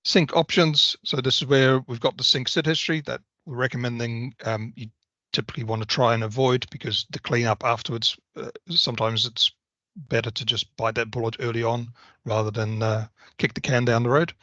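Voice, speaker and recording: A bright-toned man on a video call. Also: medium pitch, fairly even intonation, a little fast, dry recording. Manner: methodical, explanatory. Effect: video call audio. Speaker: software presenter. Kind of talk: technical product walkthrough. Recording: slightly dull video call audio.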